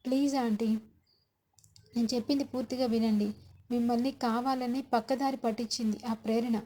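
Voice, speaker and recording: A woman's voice: fairly high pitch, steady tone, brisk, warm tone, lightly acted. A woman voicing a young man begging a family to believe his honesty, in a spoken serial recap. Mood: pleading. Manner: begging, insistent.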